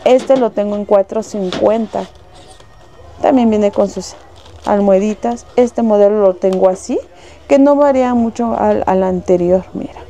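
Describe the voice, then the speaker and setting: A woman's voice: medium pitch, unhurried, mellow. A Mexican woman working in a shop, showing goods and listing wholesale prices in a casual way, with lots of little diminutives. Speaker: shop saleswoman. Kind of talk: casual product showcase. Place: shop indoors.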